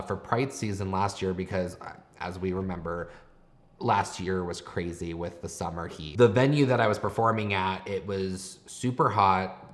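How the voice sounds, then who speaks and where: A man giving explanatory makeup commentary as a host, advising in a conversational tutorial style. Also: lowish voice.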